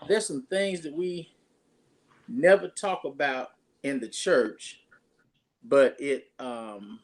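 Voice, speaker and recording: A man's voice: medium pitch, takes it slowly. A pastor, talking casually and rambling through his introduction of a guest with many restarts.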